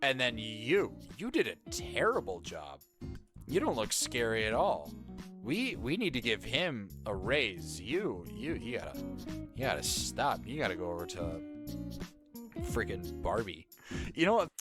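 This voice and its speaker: A jokey man chats casually on a stream, slow-paced but lively in pitch. He reacts and laughs a lot. Music plays clearly behind his voice. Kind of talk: casual chat. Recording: music playing under the voice.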